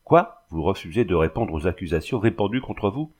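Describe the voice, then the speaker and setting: A man's voice: deep voice, animated, fairly quick, a little mellow, breathy edge. Male reader voicing an insistent, suspicious young suitor in a storybook reading. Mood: accusing. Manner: pleading and insistent. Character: suspicious pleading young man, her cousin.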